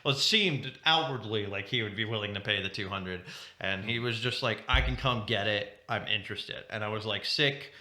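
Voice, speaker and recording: A man's voice: on the low side, normal speed, pushed and bright. A young man on a podcast, telling a rambling story with lots of laughs and asides. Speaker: podcast co-host. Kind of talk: casual chat. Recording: roomy echo.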